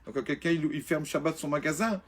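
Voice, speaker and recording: A man, a rabbi, telling a story in a sermon in an animated, emphatic way, moving from soft to loud. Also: on the high side, quick pace, breathy edge.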